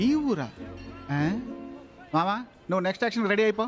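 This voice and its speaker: An actor playing a cheeky young friend who jokes and teases. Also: male voice, sits high, a little fast, a bit bright, faint music behind. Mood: teasing. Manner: teasing, joking. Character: cheeky young male friend, teasing joker.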